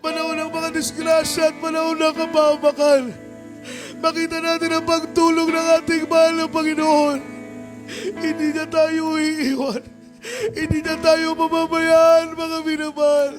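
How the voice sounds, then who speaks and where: A man with a Filipino accent preaching a fervent sermon, repeating refrains and rising to shouts. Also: very high voice, monotone, normal speed, over music.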